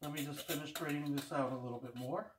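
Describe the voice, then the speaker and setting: This home cooking vlogger is an older man whose voice sits a little high, with fairly even intonation, and he talks fast. He rambles through homespun stories while cooking casually at home, recorded by a camera across the kitchen. The audio is very noisy, with an echoey room and a distant voice.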